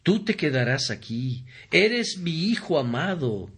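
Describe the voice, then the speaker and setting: A man voicing a loving father who gently comforts his weeping son. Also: a little high, big pitch swings, slow, slightly rough, heavily acted. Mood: tender.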